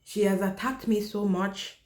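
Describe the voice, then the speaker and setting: A woman hosting a podcast, telling a personal story in a blunt, candid way and often dropping her voice low. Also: fairly even intonation, a little slow, a little mellow. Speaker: podcast host. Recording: roomy echo.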